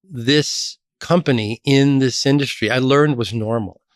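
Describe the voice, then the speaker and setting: A middle-aged man from Chicago, a guest in an interview, telling lively stories about his career. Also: measured pace, dry recording, clean studio sound. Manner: animated storyteller, lively pitch jumps. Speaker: podcast guest, association executive. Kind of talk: storytelling interview.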